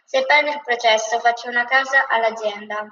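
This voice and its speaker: A woman's voice: fairly high pitch, steady tone, fairly quick, bright, forceful tone. A woman voicing an impatient, indignant male lawyer who is late for court, read aloud as part of a story in a dull, echoey recording from a distance. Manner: indignant, complaining.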